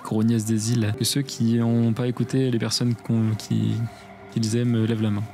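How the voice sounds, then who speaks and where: A man's voice: mid-range voice, monotone, moderate pace, dark tone. A man from France casually commenting on his game play, joking and doing playful silly asides. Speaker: streamer. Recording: music playing behind.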